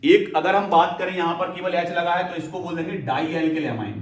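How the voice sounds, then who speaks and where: High-voiced male teacher in an echoey room. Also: fairly quick, recorded from a distance. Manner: repeats key terms and checks understanding with "clear?"; addresses students fondly as "beta". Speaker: chemistry teacher. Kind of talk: classroom lecture. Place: classroom.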